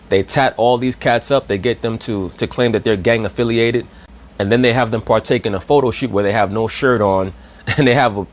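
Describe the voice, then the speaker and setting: A man giving a preachy commentary monologue, addressing listeners as brothers and asking rhetorical questions. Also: fairly low pitch. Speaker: online commentator.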